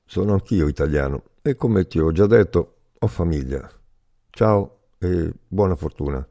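A man voicing a male Italian interpreter who works for the occupiers, a family man speaking calmly with a faint note of irony. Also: low-pitched, unhurried, vocal fry, no echo, exaggerated voice. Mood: apologetic. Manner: calm, faintly ironic, matter-of-fact.

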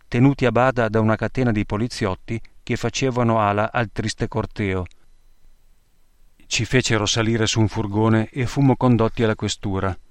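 Man, low voice, measured memoir reading, grave, dry close sound. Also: clear, resonant tone, dry recording. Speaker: narrator.

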